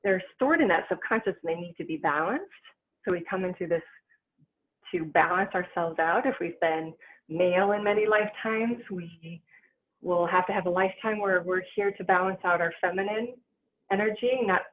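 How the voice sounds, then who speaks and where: Calm chatty woman doing a spiritual talk, sounds like a tinny phone line, bit of hiss. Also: on the low side, moderate pace. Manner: calm, chatty, laughs while telling stories. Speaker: spiritual teacher. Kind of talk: spiritual teaching livestream.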